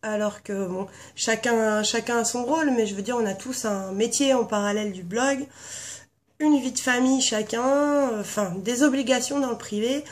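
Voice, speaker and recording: Woman vlogger, hoarse from a sore throat, slightly high voice, frank and rambling. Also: normal speed. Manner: blunt and frank, rambling with many fillers. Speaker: vlogger, founder of a paranormal blog team. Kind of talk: casual chat answering a tag. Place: at home with her cat nearby.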